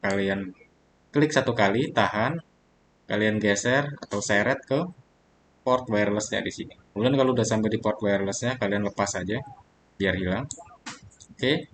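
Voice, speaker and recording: A man walking viewers through a networking software tutorial step by step, pausing on fillers as he clicks along. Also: fairly low pitch, slight background noise. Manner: steady step-by-step instruction with frequent fillers. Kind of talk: screen-recorded software tutorial.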